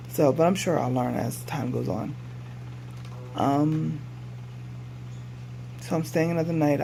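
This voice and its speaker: A man giving a casual, rambling video update as a patient, sounding subdued, halting and weary after surgery. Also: fairly high pitch, vocal fry. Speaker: patient vlogger. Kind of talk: casual personal update to camera. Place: hospital room. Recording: noisy room recording with hum.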